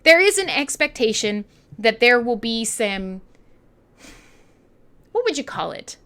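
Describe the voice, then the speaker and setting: A bright, animated Canadian woman hosts an online radio show and DJs, chatting casually and irreverently between songs. Her voice sits a little high and moves a little slowly, with a clean tone. She swears, jokes, rambles, and laughs often.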